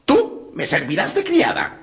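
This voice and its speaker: A man's voice: fairly high pitch, wildly swooping pitch, a little slow, gravelly, pitched above the performer's own voice, exaggerated voice. A man voicing a cruel, greedy old witch in a storybook, cackling and scolding in a raised, strained voice. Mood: gloating. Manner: cackling, scolding, nearly shrieking at times. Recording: dull lo-fi, loud background noise.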